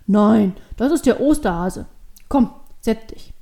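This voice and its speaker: Lady doing a kind old man in a storybook, calm and gentle, soft warm tone. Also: fairly high pitch, takes it slowly, vocal fry, exaggerated voice. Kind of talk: storybook reading.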